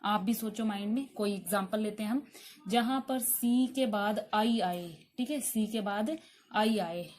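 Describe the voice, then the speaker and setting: A woman's voice: medium pitch, a little slow, a little mellow. A woman teaching an online pronunciation lesson, explaining patiently and spelling words out letter by letter with frequent check-ins. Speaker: English teacher.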